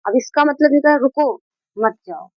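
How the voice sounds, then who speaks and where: A woman's voice: high-pitched, lively intonation, moderate pace, no echo, lo-fi sound. A woman teaching a grammar lesson, explaining patiently, repeating key points and mixing in English terms.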